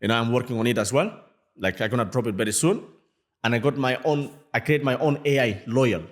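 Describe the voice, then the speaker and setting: A young Malian musician, guesting on a podcast, tells stories in fast, lively, bouncing English, his second language after a Malian language. His medium-pitched voice uses simple phrasing, and he acts out the people he quotes during the casual chat.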